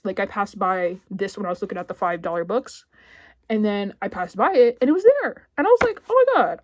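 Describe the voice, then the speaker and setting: A woman's voice: mid-range voice, darkish tone, no echo. Chatty rambling woman book vlogger. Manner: chatty and rambling, heavy filler words, sudden squealy outbursts. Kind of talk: casual rambling chat.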